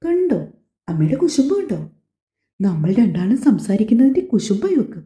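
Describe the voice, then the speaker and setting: A woman's voice: a little high, sing-song, fairly quick, dark tone. A woman voicing a loving young husband who teases his wife and talks tenderly to their unborn baby, in an audio story. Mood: doting. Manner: tender, teasing. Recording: echoey, slightly dull home recording.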